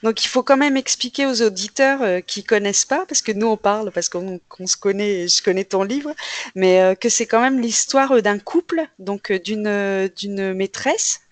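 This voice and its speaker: A woman's voice: medium pitch, moderate pace, no room sound. Female host, casual and hesitant, filler-heavy, dry close recording. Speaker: interviewer host. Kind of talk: casual interview chat.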